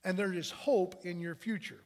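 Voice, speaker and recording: A pastor with a high-pitched voice preaches a sermon from the pulpit at normal speed, telling stories in a loose, conversational, anecdotal way and often restarting his sentences. A long reverb makes his voice ring out as if in a large church sanctuary.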